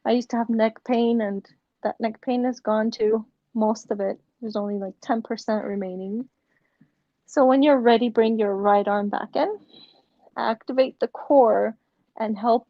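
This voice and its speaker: A young woman leads a yoga session at a slow, unhurried pace, her voice mellow and a touch high. Her cues are gentle and mixed with chatty asides. The recording is dry and slightly dull. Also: dry recording. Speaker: yoga instructor. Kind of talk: guided yoga instruction.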